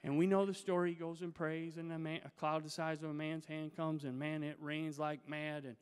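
A man's voice: a little high, level tone, brisk, clear, resonant tone. A male pastor preaching a sermon, retelling a Bible story in a conversational, emphatic way. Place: church sanctuary. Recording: reverberant church sanctuary.

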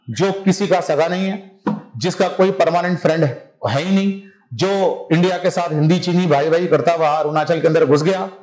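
High-voiced man lecturing in an echoey classroom. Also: darkish tone. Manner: conversational, keeps asking if students follow. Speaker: civil services exam teacher.

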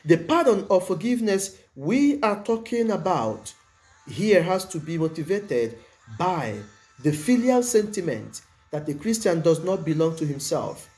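A man preaching with a lively, rising and falling delivery, leaning hard on key words. His tone is mellow and dark. Soft music plays faintly beneath the sermon. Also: high voice. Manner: measured, emphatic preaching with stressed words.

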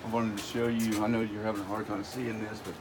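A middle-aged man tours a large warehouse, casually listing the inventory item by item and often repeating himself. His lowish voice moves little in pitch and he talks fast, captured on a nearby handheld phone camera in a noisy video.

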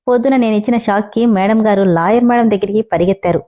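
A woman voicing a confident, scheming young man who talks in a calm, teasing way. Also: mid-range voice, quick pace, highs cut off, natural voice. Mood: cocky. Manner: calm, teasing, self-assured.

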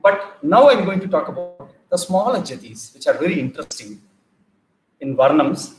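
A middle-aged man with a South Indian accent, giving an informal dance lecture-demonstration, explaining in short phrases with pauses between them. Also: on the high side, sing-song, faint music behind. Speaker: classical dance teacher. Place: large bare indoor hall. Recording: echoey room, audible background noise.

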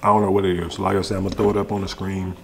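A man's voice: low voice, little pitch movement, racing, creaky, background noise. A young adult American man giving a laid-back, slangy food review, talking casually to the camera as he eats. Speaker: food reviewer, video host. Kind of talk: casual chat to camera while eating. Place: indoors, home kitchen.

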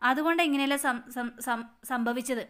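A woman voicing a grieving older grandmother who speaks haltingly and stammers. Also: high voice, a bit bright, clean tone. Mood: sorrowful.

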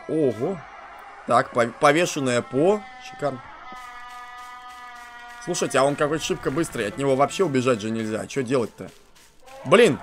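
A man giving crude, joking let's play commentary on a horror game, swinging from muttered asides to shouting at the character. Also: sits high. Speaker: game streamer.

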